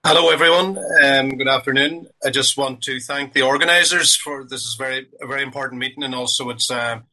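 A man's voice: mid-range voice, a little fast, bright, forceful tone, poor audio. A man from Ireland with an Irish accent, giving semi-formal remarks at a meeting as a committee chair.

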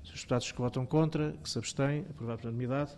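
A man's voice: medium pitch, fairly even intonation, racing, a little mellow, a little hiss or hum. A man with a European Portuguese accent chairing a parliamentary committee meeting, formally calling speakers and running votes.

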